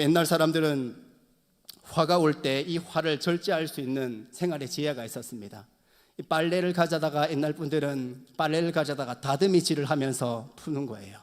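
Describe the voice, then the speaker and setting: A man preaching a sermon as pastor, earnestly and repeatedly addressing the congregation. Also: on the high side. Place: church sanctuary. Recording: long church hall reverb.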